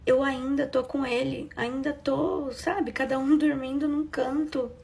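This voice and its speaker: A young woman with a Brazilian accent tells her own story as a heartfelt confession. Her voice sits a little high, and she talks casually and with feeling. She acts out the lines of the people in her story. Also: unhurried, gravelly. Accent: Brazilian Portuguese. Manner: emotional, conversational, quotes others with lively shifts. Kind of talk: first-person confessional storytelling.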